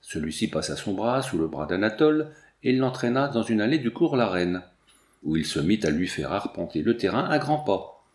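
A man reading a storybook aloud with measured, even storytelling. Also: on the low side. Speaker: audiobook narrator. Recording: echoey room.

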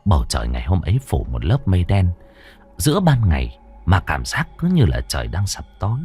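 A man narrating a ghost story in a dramatic, expressive way. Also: sits low, a little fast, slightly rough, faint music behind.

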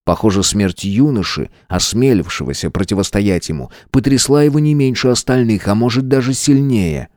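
Male audiobook narrator, measured and steady, lowish voice, dry recording. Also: dry recording.

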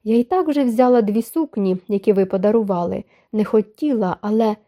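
A woman voicing a poor but proud young maid who speaks quietly and politely. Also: mid-range voice, fairly quick, close to an everyday voice. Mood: earnest.

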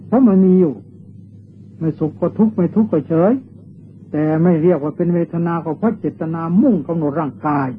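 An older Thai monk delivers a dharma sermon in a slightly raised voice, patiently explaining and repeating meditation chants. The sound is thin and tinny, like an old tape played through a narrow speaker, with faint hiss underneath. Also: male voice, on the high side. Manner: patient, repetitive teaching with drawn-out meditation chants. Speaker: Buddhist monk.

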